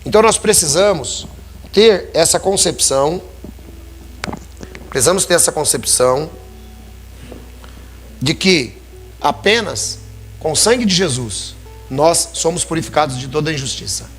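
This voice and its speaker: A man's voice: a little high, lively intonation, a little slow, long pauses, soft background music. A man preaching a sermon in a church, talking conversationally and calling his listeners brothers.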